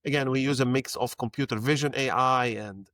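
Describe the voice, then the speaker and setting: A man's voice: medium pitch, fairly even intonation, a little fast, a bit bright, no room sound. A young adult man from Lebanon, a podcast guest speaking conversationally and often repeating words as he thinks. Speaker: guest, head of growth. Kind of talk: casual interview talk.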